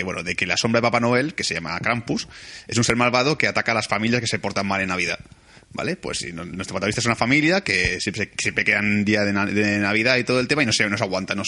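An excitable man rattles through a film review on a casual podcast. He talks very fast in a bright, forward tone and laughs and swears freely. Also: lowish voice. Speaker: podcast co-host.

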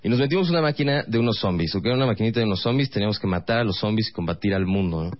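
A man with a Mexican Spanish accent doing stand-up comedy, telling stories in fast, rambling bursts with laughing asides. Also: fairly low pitch, lively intonation, dull audio.

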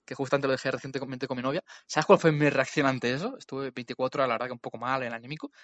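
Fast-talking young Spanish man, slangy. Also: medium pitch, dry recording, dull audio. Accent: Castilian Spanish. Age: 20s. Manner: fast, animated, slangy, swears casually. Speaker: entrepreneur guest. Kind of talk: casual interview chat.

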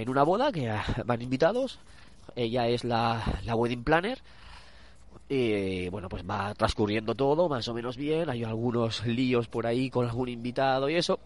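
While out walking a dog, a man with a Castilian Spanish accent hosts a casual, chatty podcast giving recommendations. His mid-range voice is nasal and congested from a cold, and he rambles, hesitates and corrects himself.

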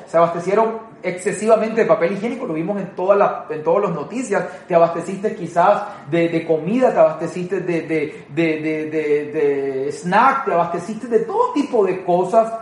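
A man with a fairly high voice preaching an online sermon to his congregation. He talks in a conversational way and often repeats words. He slows down and stresses his key phrases, and the recording has a noticeable room echo. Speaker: pastor.

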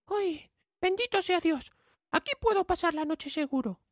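A man voicing a tiny, cheeky boy in a storybook reading, with a high squeaky childlike voice. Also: animated, normal speed, no echo, studio quality. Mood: relieved. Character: tiny brave boy Tom Thumb, cheeky.

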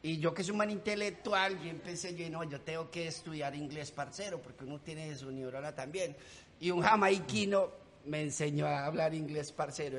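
A man's voice: a little high, fairly bright tone, a little hiss or hum. A man voicing a brash young male street thug from Medellín with a paisa accent, a slangy, boastful storyteller. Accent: Colombian paisa.

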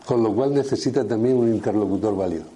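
A man's voice: on the low side, fast talker, dark tone, slight background noise. A man, a doctor on a panel, telling anecdotes about patients to an audience and acting out the dialogue. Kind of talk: storytelling talk to an audience.

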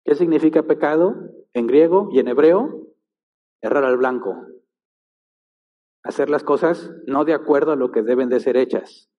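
A man's voice: on the high side, normal speed, long pauses. A man preaching a sermon, emphatic and full of rhetorical questions. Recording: long-reverb hall, dull lo-fi sound.

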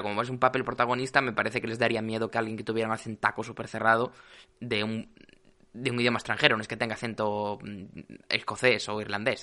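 A man's voice: fairly low pitch, pushed and bright. A man, co-hosting a podcast in casual chat, rambling with lots of fillers and restarts.

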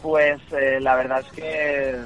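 A man's voice: mid-range voice, little pitch movement, slow, fairly bright tone, faint music behind. A man from a band answering as a guest in a radio interview, earnest and thoughtful. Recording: slightly dull radio sound.

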